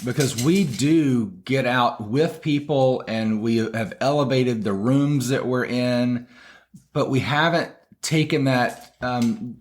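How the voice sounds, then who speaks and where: A man co-hosting a podcast in casual chat, easygoing and prone to rambling. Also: mid-range voice. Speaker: podcast co-host.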